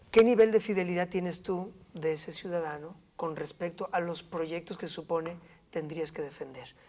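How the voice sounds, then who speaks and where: Female panelist, lowish and measured. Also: a little mellow. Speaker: academic panelist. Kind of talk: panel discussion.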